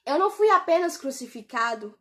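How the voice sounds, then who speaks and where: A woman voicing Jesus as a calm, gentle adult man who speaks softly and reassuringly. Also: high voice, brisk. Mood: solemn.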